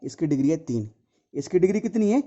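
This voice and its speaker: A male tutor works through a math lesson, asking his class questions and answering them himself, saying each point over and over. His voice is deeply mellow and dark yet sits a little high. The recording sounds dull and lo-fi. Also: very animated, quick pace, slightly rough. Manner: repetitive, asks and answers his own questions, addresses students as dear children.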